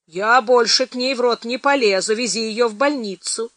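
A woman voicing a bossy, heavy-handed old village healer woman who talks in a shrill, scolding voice. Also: normal speed, fairly bright tone, no echo, studio quality, natural voice. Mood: huffy.

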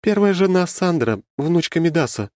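A man's voice: on the high side, expressive, moderate pace, darkish tone, no echo, voice pushed up, natural voice. A man reading an audiobook, voicing a sly, brash female goddess with a cheeky, mocking manner. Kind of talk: audiobook character voice.

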